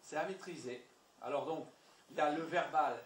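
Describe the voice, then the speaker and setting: Un homme formateur qui anime une séance sur la communication devant un public, en parlant de façon animée et insistante, avec des mots répétés. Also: male voice, fairly high pitch, moderate pace, roomy sound, a little hiss or hum. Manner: lively, repeats words, emphatic. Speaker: trainer. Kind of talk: communication training talk. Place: meeting room with audience.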